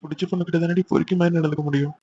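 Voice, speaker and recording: Guy doing a playful teasing young husband, cartoon, rattles along fast, muffled audio. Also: fairly high pitch, steady tone, dark tone, slight background noise, close to an everyday voice. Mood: coaxing. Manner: teasing, coaxing. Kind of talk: cartoon voice acting.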